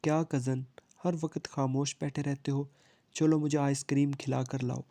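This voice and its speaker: A man's voice: mid-range voice, level tone, warm tone, lightly acted. A man voicing a playful, stubborn young woman who teases her cousin, in a storybook reading. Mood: teasing. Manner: teasing, stubborn.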